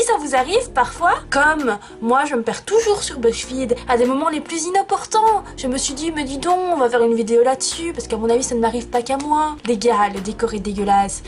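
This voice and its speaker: Young female vlogger, playful and self-deprecating, slightly high voice, casual chat from her bedroom. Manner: chatty, self-mocking, playful. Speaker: YouTuber.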